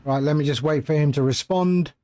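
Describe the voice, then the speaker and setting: Guy with a high voice doing flight sim pilot stuff, muttering thru checklist steps and radio calls. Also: a little fast, mellow. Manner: talks himself through steps. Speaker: flight simulator streamer playing a pilot. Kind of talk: casual muttered cockpit procedure talk and radio calls.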